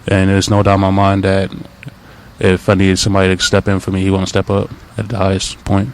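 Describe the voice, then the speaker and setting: A young man in his twenties, a college football player answering media questions in a halting, soft-spoken way with many fillers. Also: low voice, monotone, slight background noise. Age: 20s. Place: press availability.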